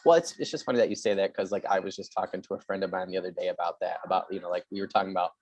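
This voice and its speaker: A man's voice: low-pitched, fairly even intonation, racing, darkish tone, no room sound. A man hosting a podcast, talking eagerly in a casual chat with lots of "yeah" and "you know". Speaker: podcast host.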